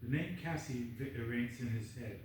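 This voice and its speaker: At a table read, a male narrator reads screenplay stage directions aloud in a medium-pitched, slightly mellow voice at a moderate pace. He's picked up from a distance and off-mic in an echoey room with faint noise.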